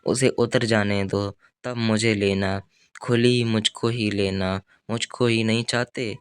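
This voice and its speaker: Man reading as a bold young wife, earnest and insistent, low flat voice, smooth tone, storybook audiobook. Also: slow, dry recording, clean studio sound. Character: young married woman, bold and intense.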